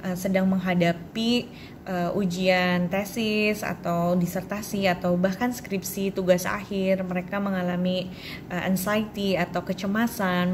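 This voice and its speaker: A middle-aged woman from Indonesia giving an online lecture, explaining step by step with frequent hesitations and fillers. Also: medium pitch. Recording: noticeable background noise.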